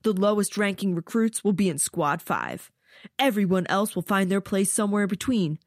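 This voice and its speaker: A woman's voice: medium pitch, lively intonation, moderate pace, dry recording, clean studio sound, lightly acted. A woman voicing a stern male drill sergeant giving formal, commanding orders to recruits in an audiobook.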